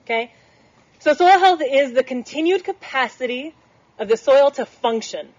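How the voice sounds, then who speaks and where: A woman soil scientist giving an energetic, passionate talk outdoors, quizzing her audience. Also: sits high, moderate pace. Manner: energetic, passionate, engaging the crowd with questions. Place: outdoors on grass under trees. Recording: outdoor talk through a speaker system, lo-fi. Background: wind and chirping birds.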